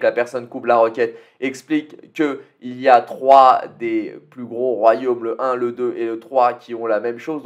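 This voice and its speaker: Chatty French gaming commentator, mid-pitched man. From France. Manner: chatty, thinks aloud with fillers and tag "hein". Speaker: gaming YouTuber. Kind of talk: casual game commentary.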